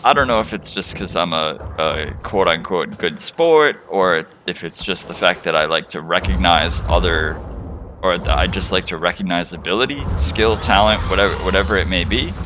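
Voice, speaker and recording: Brief: young male streamer, lowish voice, loose profane chatter, steady noise behind. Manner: rambling, profane, chatty, many fillers. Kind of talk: casual gameplay commentary.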